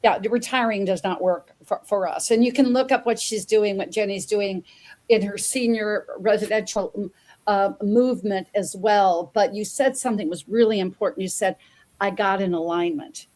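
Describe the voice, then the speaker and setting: A woman hosts an interview show, speaking with an eager, upbeat energy. She often stumbles and repeats words mid-sentence. Her voice sits at an ordinary middle pitch. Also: normal speed, darkish tone. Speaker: host. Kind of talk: interview host introduction.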